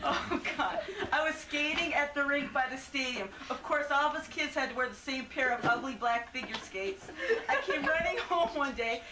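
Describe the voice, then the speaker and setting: A high-voiced woman reads family memories aloud, breaking into laughter as she goes. She sounds like an old VHS home video, with steady tape hiss. She is heard from across an echoey room. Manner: laughing often through the telling. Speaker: family member sharing memories. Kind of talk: reading childhood stories aloud. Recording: hissy, distant, roomy home video tape.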